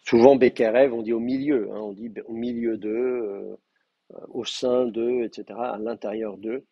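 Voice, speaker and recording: A man's voice: mid-range voice, fairly even intonation, normal speed, vocal fry, breathy edge, dry recording, dull audio. A man teaching an advanced class in a live lecture, explaining patiently with frequent hesitations and fillers. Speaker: Hebrew teacher.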